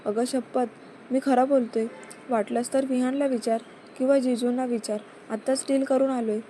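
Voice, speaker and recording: A woman's voice: high-pitched, fairly even intonation, moderate pace, mellow, slight background noise, lightly acted. A woman reading the part of an earnest, apologetic young man in a story. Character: young man, office worker confessing.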